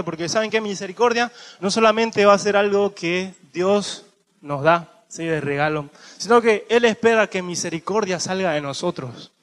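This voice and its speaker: Preaching with lively swings, a man whose voice sits high plays the thieves in slangy impersonations. When he turns to scripture, he reads slowly and lets his voice sink.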